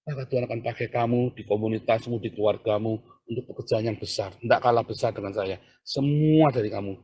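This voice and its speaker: Animated preaching man. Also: lowish voice, a little fast, husky. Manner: animated preaching, often addressing listeners as brothers and sisters. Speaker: pastor. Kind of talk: sermon.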